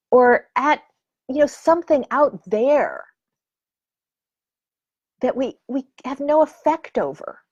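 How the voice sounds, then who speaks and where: A woman giving a heartfelt personal talk on emotions, often dropping into soft whispers and then rising to emphatic intensity. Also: high voice, husky, no room sound.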